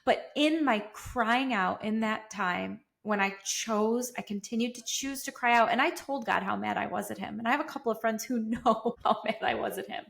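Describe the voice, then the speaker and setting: A woman's voice: a little high, normal speed, vocal fry, few pauses, a bit bright. A woman hosting a podcast, telling a personal faith story in an earnest, emotional way. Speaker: podcast host. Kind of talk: candid faith conversation.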